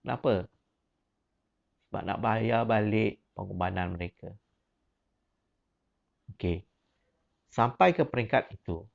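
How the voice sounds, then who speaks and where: Gravelly low-voiced Malaysian man teaching. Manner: repetitive questioning, rising emphatic prompts, mixes English words. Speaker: teacher giving a workshop to teachers. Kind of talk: teacher training talk, demonstrating a questioning exercise. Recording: dull lo-fi recording.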